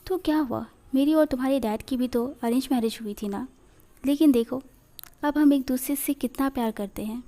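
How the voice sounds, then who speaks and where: A woman's voice: high voice, moderate pace, warm tone. Woman reading as a strict insistent mother. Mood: reassuring.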